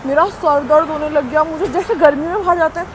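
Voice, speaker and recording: This casual vlog features a young woman from India, a fast talker with a voice that sits high, chatting and joking on city streets. She films on a handheld phone, and the low-quality recording catches faint outdoor street noise.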